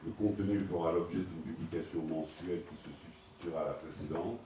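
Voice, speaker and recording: Deep man in cathedral-like echo. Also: steady tone, warm tone. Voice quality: measured, formal, reads out legal wording. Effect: heavy cathedral-like echo, voice heard from far off in a large hall. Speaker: municipal councillor. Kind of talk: formal reading of amendments at a council meeting. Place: large echoing council chamber. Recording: very echoey distant hall recording with faint noise.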